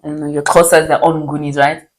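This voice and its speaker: Low-voiced woman chatting. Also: little pitch movement, fast, a little hiss or hum, poor audio. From southern Africa. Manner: gropes for words, lots of fillers. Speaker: podcast co-host. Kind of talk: casual chat.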